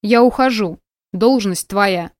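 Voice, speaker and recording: A woman's voice: mid-range voice, takes it slowly, no room sound, close to an everyday voice. A woman reading an audiobook, voicing a frustrated young man who speaks earnestly and bitterly, recorded close and dry. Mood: tense, bitter. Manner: tense, earnest, controlled then bitter. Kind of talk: audiobook dialogue.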